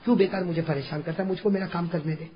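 A man voicing a hushed, resigned young man. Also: steady tone, close to an everyday voice. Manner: low, hushed and sorrowful. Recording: dull lo-fi recording.

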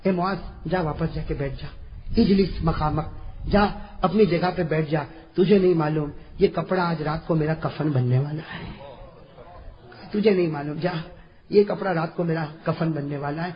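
A preacher acting out a grieving young man who speaks low, hushed and resigned, on a dull lo-fi recording. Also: close to an everyday voice.

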